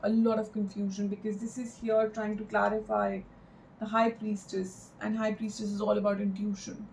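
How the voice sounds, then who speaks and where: A woman giving an improvised, mystical horoscope tarot reading in a halting, reflective way, repeating phrases for emphasis. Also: medium pitch, little pitch movement, creaky, a little mellow, a little hiss or hum, low-quality recording. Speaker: tarot card reader.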